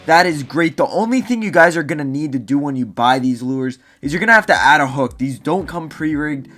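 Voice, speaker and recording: High-voiced man hosting a top ten countdown. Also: animated, fairly quick, fairly bright tone. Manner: casual, emphatic, repeats phrases for stress. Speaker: host of a fishing gear review video. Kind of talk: top ten countdown review, addressing viewers. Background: music.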